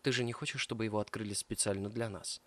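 A man voicing a soft-spoken young woman who speaks quietly, almost in a whisper. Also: on the low side, fairly even intonation, quick pace, dry recording. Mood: hushed. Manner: quiet, hushed, near whisper.

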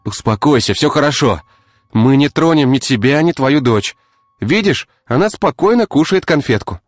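A man voicing a brash young man who talks in a brisk, teasing way. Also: medium pitch, animated, no room sound, clean studio sound, soft background music, voice pushed up, natural voice. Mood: syrupy. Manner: brisk, teasing, sometimes syrupy.

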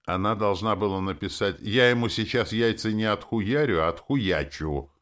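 A man's voice: lowish voice, fairly even intonation, normal speed, fairly bright tone, pitched above the performer's own voice, close to an everyday voice. A man reading an audiobook, voicing a stern, self-assured young male soldier who grumbles and lectures like a know-it-all. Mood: lecturing. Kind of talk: audiobook character voice.

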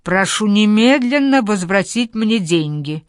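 Woman reading as a furious general's wife, low booming voice, scornful, raised and loud, dry sound. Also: expressive, unhurried, no room sound, close to an everyday voice. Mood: cold, demanding.

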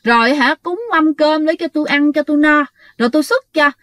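A woman's voice: sits high, a little fast, a bit bright, no room sound, voice pushed up. A woman voicing the ghost of a man killed by a train, who pleads and bargains. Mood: bargaining.

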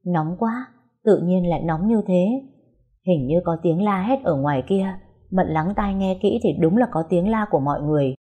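Woman reading a story aloud, husky dark voice, calm. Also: lowish voice, normal speed. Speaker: narrator.

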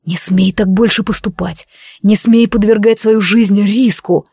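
A woman voicing a passionate, possessive male warrior lover who speaks in a low, commanding growl. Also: fairly even intonation, unhurried, gravelly, warm tone, husky, no echo, clean studio sound.

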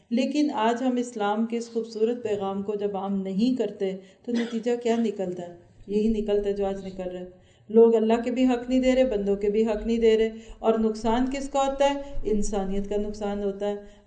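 A woman's voice: mid-range voice, warm tone, echoey room. A woman giving an earnest Quran commentary lecture, often asking her listeners questions. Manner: earnest, asks the audience questions. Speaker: Quran teacher.

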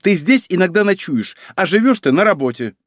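A man reading an audiobook, voicing a frightened, shrill wife with a high, ringing voice. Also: very animated, a little fast, no room sound, studio quality. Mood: indignant. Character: frightened shrill wife, middle-aged woman.

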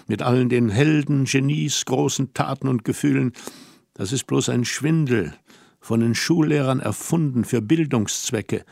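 A wise and melancholy young woman speaks earnestly, weighing each word with slow, deliberate pauses, as a male audiobook reader gives her voice. The voice has a gravelly edge and sits close and dry. It is a storybook reading. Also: mid-range voice, darkish tone, dry recording. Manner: measured, reflective, slow emphatic pauses.

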